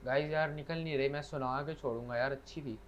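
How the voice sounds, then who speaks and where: This podcast co-host is a man who talks fast, his mid-range voice holding a steady tone. Over an online call he banters casually and slips in bits of verse as couplets. The connection gives a dull, lo-fi sound with a little faint noise.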